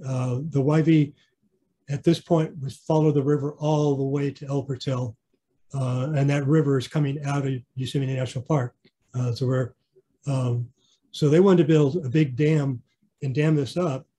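A man's voice: mid-range voice, steady tone, normal speed, mellow, breathy edge. A man giving a casual online slideshow clinic about his model railroad, rambling with fillers and restarts. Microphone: video call.

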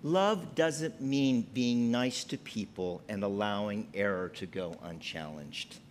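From the pulpit of an indoor church sanctuary, a pastor in his fifties delivers a slow sermon, gesturing emphatically with wide swings in pitch. A little hiss or hum sits under the recording.

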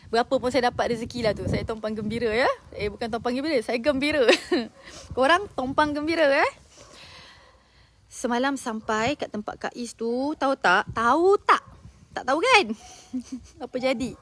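A woman hosting a casual live stream, expressive and full of religious exclamations. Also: on the high side, moderate pace.

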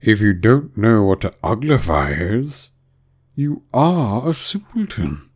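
A man voicing a gruff, scornful griffin from a storybook, bossy and emphatic in a scolding way. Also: on the low side, sing-song, takes it slowly, full character voice. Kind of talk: storybook character reading.

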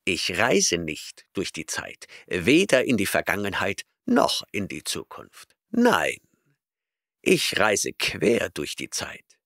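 A man's voice: low voice, huge pitch swings, takes it slowly, fairly bright tone, no echo, clean studio sound, full character voice. A man reading an audiobook voices an arrogant, eccentric male professor who lectures impatiently and snorts at his listener. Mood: lecturing.

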